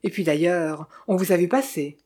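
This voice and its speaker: A woman's voice: fairly low pitch, moderate pace, darkish tone, natural voice. A woman doing a gossipy male village innkeeper. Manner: gossipy, teasing, confiding. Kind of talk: audiobook character voice.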